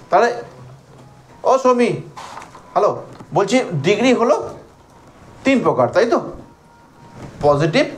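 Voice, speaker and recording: Animated, high-voiced Bengali teacher. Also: male voice, slight background noise. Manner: questions students by name, drawls words out to show syllables. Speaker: English teacher. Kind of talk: classroom grammar lesson.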